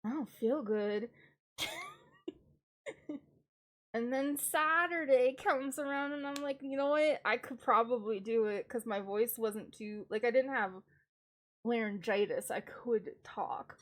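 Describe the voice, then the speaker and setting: Speaking slowly on the high side with long pauses, a young female streamer sounds stuffed up as she makes casual chat. She laughs at herself often in giggly, self-mocking asides.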